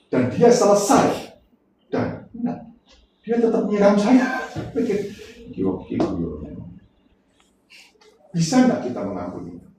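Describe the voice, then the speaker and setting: A man preaching a sermon in a conversational, lively way, acting out exchanges and laughing often. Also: high voice, unhurried, noisy background. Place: church hall. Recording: echoey hall from far off.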